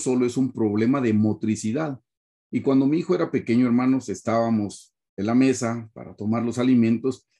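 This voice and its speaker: A man's voice: medium pitch, mellow. A man with a Guatemalan accent, a pastor giving an earnest personal testimony in a sermon over a video call and often calling his listeners brothers. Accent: Guatemalan Spanish.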